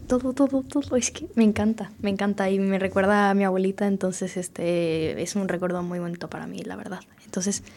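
A woman's voice: medium pitch, fairly even intonation, fairly quick, hardly any pauses, mellow. A woman from Mexico, co-hosting a casual radio chat and enthusiastically gushing over recommendations, often trailing off as she searches for words. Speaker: radio show co-host.

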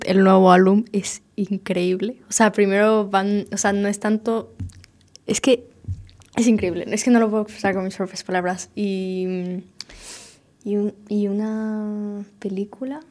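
A woman's voice: mid-range voice, flat delivery, a little slow, a little mellow. Radio co-host: woman, casual and effusive, trails off mid-thought. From Mexico. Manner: enthusiastic, gushing, trails off searching for words. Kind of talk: casual chat, giving recommendations.

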